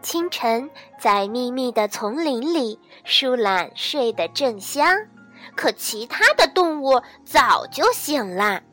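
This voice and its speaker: A woman telling a bedtime story to children in a gentle, sing-song, soothing manner. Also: a little high, big pitch swings, slow pace. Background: soft background music.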